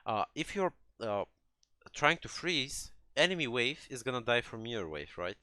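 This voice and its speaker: Going over a replay with a player, a gaming coach talks a little slowly at medium pitch, with big pitch swings and a sharp tone in a dry recording. His conversational explanations are hesitant, restarting often and punctuated by "right?"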